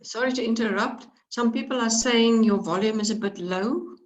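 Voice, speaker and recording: A woman's voice: fairly high pitch, normal speed, muffled recording. A woman moderating an online webinar, politely cutting in to relay questions and notes from the audience. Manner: polite, apologetic interjections.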